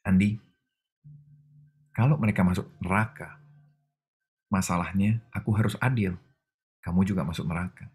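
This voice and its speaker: A man voicing God as a calm, patient father gently reproving his child, with a soft, measured delivery. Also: low voice, slightly rough. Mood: firm.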